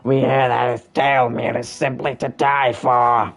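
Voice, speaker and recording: A man's voice: mid-range voice, little pitch movement, a little slow, creaky, a bit bright, faint music behind. A man voicing a polite female alien traveler, reading game dialogue aloud in a formal, stilted way. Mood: curious.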